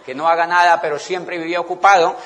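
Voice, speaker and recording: A middle-aged man with a Colombian accent giving an animated motivational talk to a live audience, often checking that they follow him. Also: on the high side, quick pace, some chatter behind, a little hiss or hum. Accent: Colombian Spanish. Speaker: motivational business speaker. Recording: long reverb of a large hall.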